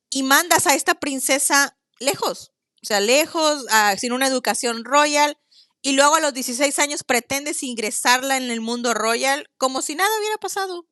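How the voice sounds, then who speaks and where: A woman with a bright, forceful voice, talking in a casual podcast chat. She speaks in quick bursts and laughs easily. The sound is dry and close. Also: sits high, dry recording. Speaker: podcast co-host.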